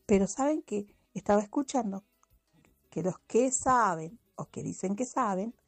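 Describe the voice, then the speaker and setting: Woman, mellow husky voice, dry close sound, chatty radio segment. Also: medium pitch, dry recording. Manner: chatty, friendly, addresses listeners. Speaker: radio contributor.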